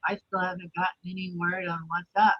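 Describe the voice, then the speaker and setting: A man's voice: sits high, little pitch movement, fairly quick, no room sound. A man asking plain, direct questions at a public meeting, sounding muffled and distant as if through a wall on a video call. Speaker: commission member asking about his district. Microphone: computer mic on a video call.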